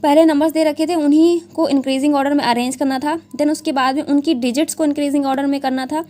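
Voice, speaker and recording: Chatty young woman, higher voice. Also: steady tone, fast, mellow. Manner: chatty, repeats "theek hai" often, mixes English into Hindi. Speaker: exam prep educator. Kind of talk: casual exam analysis talk.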